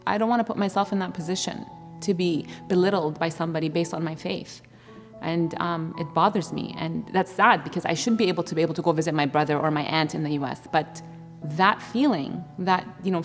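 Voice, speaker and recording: A woman speaking firmly and earnestly as an interviewee, sure of herself. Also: lowish voice. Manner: firm, earnest and self-assured. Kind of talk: candid studio discussion. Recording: reverberant room.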